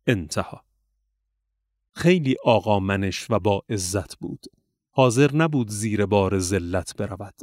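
Man reading in a measured, solemn tone. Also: lowish voice, no room sound, clean studio sound. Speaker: reader. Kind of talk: scripted reading of religious memoirs.

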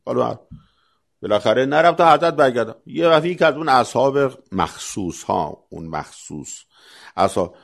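Man preaching w/ a gravelly voice, fires off rhetorical questions, gets forceful. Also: medium pitch, lively intonation. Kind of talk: religious talk.

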